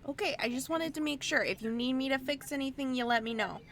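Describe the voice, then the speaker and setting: A bright, high little fox girl with a broad Midwestern accent, eager to help with her gadgets and fixes, as a woman puts her on for a tabletop game. Her voice is chirpy and much higher than ordinary talk, and it comes through a light hiss of background noise. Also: fast talker, creaky. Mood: cheerful. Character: little female fox tinkerer, cheerful and helpful.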